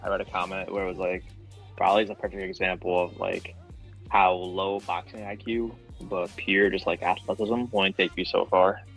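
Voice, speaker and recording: A man's voice: low voice, flat delivery, moderate pace, a bit bright, soft background music. A man co-hosting a boxing podcast, joking and telling side stories in casual chat. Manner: joking, storytelling asides. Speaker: podcast co-host.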